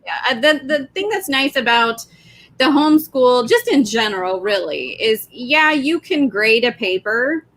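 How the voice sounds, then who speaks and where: A woman's voice: on the high side, lively intonation, a little slow, a bit bright, poor audio. A woman telling stories about homeschooling in casual chat on a live stream. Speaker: homeschooling parent guest.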